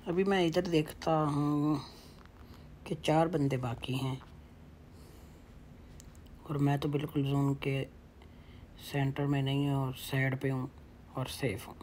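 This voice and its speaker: A man giving casual commentary over his own mobile game matches, excitable and muttering to himself. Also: mid-range voice, takes it slowly, pauses often. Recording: noisy with game gunfire behind. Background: gunfire and game sounds.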